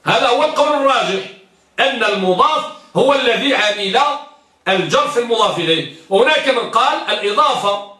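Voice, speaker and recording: A man's voice: extremely high pitch, lively intonation, brisk, bright, forceful tone. A man teaching an Arabic grammar lesson. He asks his students questions and answers them himself, repeats key words and recites verses of grammar poetry. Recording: echoey room, mic at a distance.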